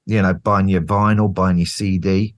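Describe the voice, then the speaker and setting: Speaking in a deep voice at a moderate pace, a middle-aged British man, a band's singer, appears as a guest in a casual interview. He tells lively road stories in British English, swearing freely and acting out what others said.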